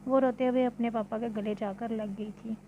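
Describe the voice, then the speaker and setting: A woman narrating a novel in a steady, measured storytelling manner. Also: on the high side, highs cut off, noisy background. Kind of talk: novel reading.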